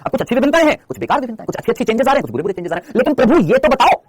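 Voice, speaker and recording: A man's voice: very high-pitched, big pitch swings, very fast, no room sound. A man teaching a biology exam-prep lecture, asking his students questions, answering them himself and teasing students by name.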